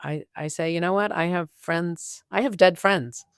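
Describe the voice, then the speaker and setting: A woman's voice: on the low side, moderate pace, smooth, dry recording, studio quality. Chatty woman hosting an interview. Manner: chatty, joking asides. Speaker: podcast host. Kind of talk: casual interview chat.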